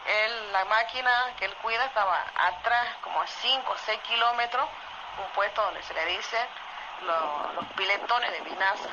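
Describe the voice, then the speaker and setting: A woman with an Argentine accent from Salta, telling a true story in a voice message in a lively way, often asking "¿viste?". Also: mid-range voice, moderate pace. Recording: muffled voice message with loud noise.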